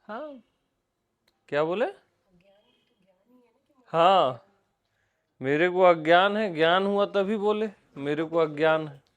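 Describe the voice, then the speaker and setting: An Indian man leads a relaxed satsang, speaking slowly and unhurriedly. His voice sits a little high for a man. He keeps returning to the same words and puts questions to the people in front of him. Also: highs cut off. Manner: repetitive, questioning, conversational teaching. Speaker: spiritual teacher. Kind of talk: informal satsang discourse.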